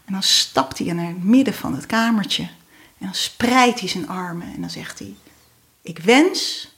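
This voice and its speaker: A woman guest telling a fairy tale in a relaxed, hesitant way with many fillers. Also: medium pitch. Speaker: guest storyteller.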